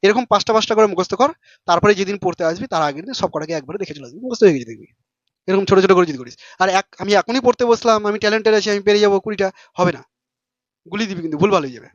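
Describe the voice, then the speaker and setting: A man teaches a class at a rapid clip, fast, informal and full of quick questions to his students. His voice sits high. The recording is dry and a little dull. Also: animated, no echo. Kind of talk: classroom lesson.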